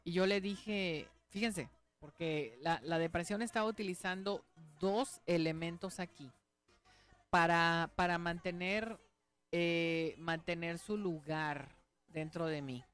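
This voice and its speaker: Earnest woman pastor, low voice. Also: slow, soft background music. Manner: earnest, conversational, checks in with listeners. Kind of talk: radio sermon testimony.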